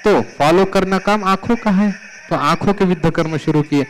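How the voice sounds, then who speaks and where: A middle-aged man giving an animated conference lecture, telling patient stories and quoting Sanskrit verses. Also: high voice, moderate pace, a little hiss or hum, low-quality recording. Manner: animated, mixes English terms and Sanskrit verses. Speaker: Ayurveda lecturer. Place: conference hall.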